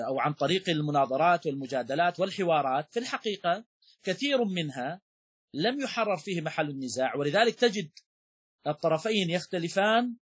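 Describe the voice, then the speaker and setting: A man delivering a religious lesson, his voice a touch higher than most men's and slightly husky. He explains point by point at a measured pace, repeating key phrases and pausing with fillers to gather his thoughts. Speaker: sheikh teaching Shafi'i jurisprudence.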